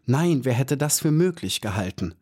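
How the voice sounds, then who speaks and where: A small young girl bee, bright-eyed and full of wonder, with a voice lifted well above the reader's own as a male narrator puts her on. She asks and exclaims eagerly, a fairy-tale storybook figure. Her tone stays soft and curious. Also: medium pitch, animated, moderate pace, voice pushed up, natural voice. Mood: astonished.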